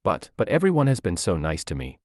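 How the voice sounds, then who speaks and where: A man reading a story and voicing a boy who poses as a shy, breathy young girl, speaking hesitantly with theatrical innocence. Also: deep voice, huge pitch swings, brisk, a little mellow, no echo, clean studio sound, heavily acted. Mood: mock innocent.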